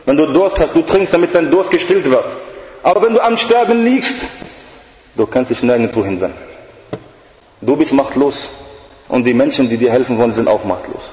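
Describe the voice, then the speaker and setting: A man's voice: mid-range voice, lively intonation, brisk, a little mellow. A male preacher giving a sermon in an earnest, emphatic way, mixing in Arabic religious phrases, in an echoey hall with dull sound.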